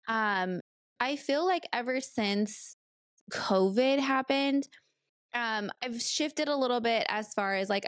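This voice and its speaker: A Californian woman in her late thirties hosts her own solo podcast, chatting casually and rambling with plenty of fillers. Her voice is mid-range, and the recording is dry and studio quality.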